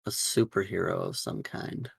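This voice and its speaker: A man playing a tabletop game, with expressive, jokey banter. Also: sits low, normal speed, creaky, husky, no room sound, studio quality. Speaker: player. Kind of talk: casual tabletop play.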